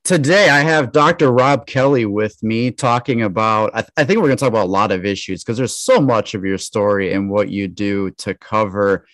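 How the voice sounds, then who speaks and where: Guy hosting his podcast, earnest, kinda low voice, stumbles a bit on questions. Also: moderate pace, hardly any pauses, fairly bright tone. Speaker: podcast host. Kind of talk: podcast intro and interview.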